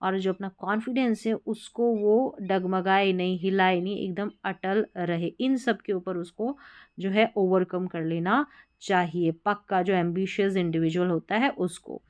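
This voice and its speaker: A woman's voice: mid-range voice, steady tone, a little slow, a little mellow. A woman teaching English spelling and reading, spelling words out letter by letter, then explaining their meanings.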